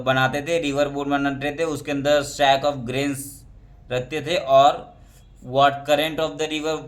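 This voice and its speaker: A man gives an exam prep history lecture at an ordinary mid pitch, moving through it step by step. He asks a question, answers it himself and checks in with "ठीक है" between points. He reads English textbook lines slowly and points at pictures as he explains. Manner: explains step by step, asking and answering his own questions, often adding "ठीक है". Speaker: teacher.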